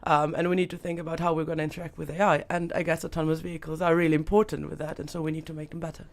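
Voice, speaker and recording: A woman's voice: low-pitched, level tone, rapid-fire. A young woman from Austria, a startup founder talking as a podcast guest, thoughtful with many fillers and restarts. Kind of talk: podcast interview. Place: podcast studio.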